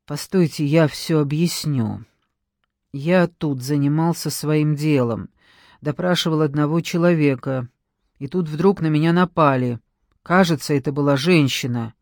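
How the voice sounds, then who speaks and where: A man's voice: on the high side, unhurried, no echo, studio quality. Man playing a frightened pleading captive. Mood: explaining. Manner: pleading, shaken, stammering. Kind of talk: audiobook character reading.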